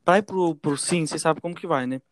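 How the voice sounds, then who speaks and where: A young man from tells a story to his friends at a rapid clip, calling out to them as he goes. His voice sits a little high, and the recording is dry and close. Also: no room sound. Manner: fast, animated, addresses listeners as gente and velho. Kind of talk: casual storytelling among friends.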